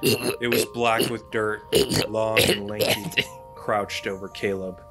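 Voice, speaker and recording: A man's voice: fairly low pitch, steady tone, slow pace, over music. A man hosting a podcast, reading a scary campfire story aloud with dramatic delivery. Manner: dramatic reading broken by laughter. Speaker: podcast host.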